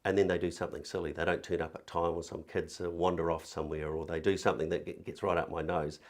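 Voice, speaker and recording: A man's voice: low voice, level tone, quick pace. A man with a New Zealand accent, a religious education director giving an earnest, thoughtful talk to camera, with occasional fillers and repeated words.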